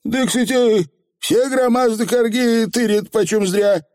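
A squeaky, blustering little fairy chief. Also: male voice, a little slow, darkish tone. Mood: boisterous. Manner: mangled folksy slang, blustering. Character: tiny rowdy male fairy clan chief, boastful.

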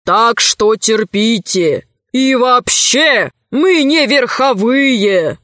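A woman's voice: on the high side, animated, a bit bright, no echo, studio quality, full character voice. A woman voicing a grumpy old dragon. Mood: grumbling. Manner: slow, weighty and indignant. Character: grumpy proud old male multi-headed dragon. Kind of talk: audiobook character voice.

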